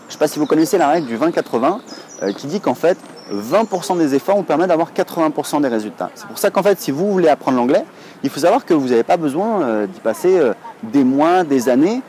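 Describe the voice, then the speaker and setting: A man's voice: on the high side, mellow, a little hiss or hum. A French man in his thirties talking casually to camera, chatty and rambling with many hesitations. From France. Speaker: online English teacher, blogger.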